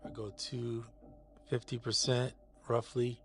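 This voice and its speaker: A man's voice: mid-range voice, level tone, slow pace, gravelly, faint music behind. A man hosting a live stream, chatting casually while he demonstrates a mix. He is easygoing, stumbles over names and repeats them as he works them out.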